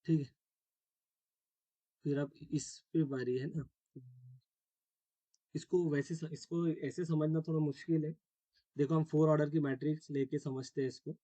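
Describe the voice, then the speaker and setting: A man's voice: fairly high pitch, fairly even intonation, normal speed, long pauses, dark tone, dry recording. A man teaching a math class step by step, often checking that students follow and mixing English terms into his Hindi. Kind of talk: classroom lecture.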